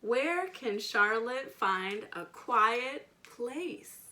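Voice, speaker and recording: Very slow and expressive, a woman with a slightly high, sharp-toned voice reads a picture book aloud to kids, putting weight on key words. This children's educator asks her listeners simple questions directly and weaves in chatty remarks during storytime.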